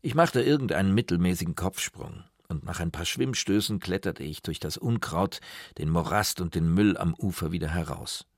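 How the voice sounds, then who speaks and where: A man reading a story aloud in calm, even first-person narration, close to the mic. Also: sits low, moderate pace, dry recording. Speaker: audiobook narrator.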